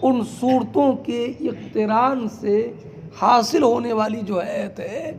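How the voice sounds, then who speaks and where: A man teaching a class, explaining slowly term by term, asking his students question after question and calling them "beta". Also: very high voice. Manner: quizzes students with repeated questions; addresses listeners as "beta". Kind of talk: classroom lecture.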